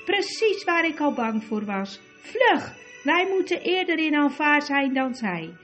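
Een vrouw die een angstige sprekende merrie speelt, met dringende waarschuwingen. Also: female voice, sits high, sing-song, measured pace, a bit bright, soft background music, pitched above the performer's own voice, full character voice. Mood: urgent. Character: anxious talking mare, female.

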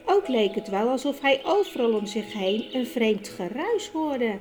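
Slow, calm woman storyteller over music. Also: fairly high pitch. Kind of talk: audiobook narration for children. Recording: music bed behind the reading.

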